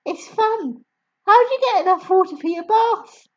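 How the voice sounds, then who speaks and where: A woman's voice: very high voice, expressive, normal speed, a little mellow, lo-fi sound, voice pushed up. A woman voicing a curious, eager young girl in a storybook reading.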